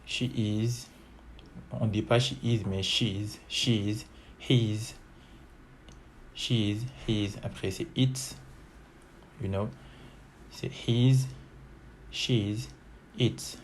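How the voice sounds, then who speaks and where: A French-speaking man who teaches English walks through a grammar lesson very slowly, hesitating often, using many fillers, and repeating each form several times. His voice is a little low and steady, and a faint hiss runs beneath the recording. It's a bilingual online lesson that switches between French and English.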